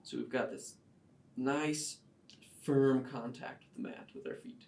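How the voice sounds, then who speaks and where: Guy leading yoga, calm breath cues, echoey room, mic kinda far off. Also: mid-range voice, unhurried, vocal fry. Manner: calm step-by-step cueing with breath counts. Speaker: yoga teacher. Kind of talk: guided yoga class instruction. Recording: roomy sound, mic at a distance.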